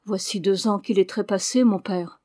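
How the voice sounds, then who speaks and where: A man's voice: high voice, steady tone, normal speed, a little mellow, no echo, studio quality. A woman reading aloud voices a devoted young woodcutter son who speaks earnestly and eagerly. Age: young adult.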